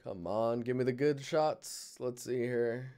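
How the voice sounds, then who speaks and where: A man's voice: medium pitch, a little slow, mellow, clear, resonant tone. A man giving casual, rambling live critiques of digital art, thinking aloud as he clicks through images. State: yawning, tired.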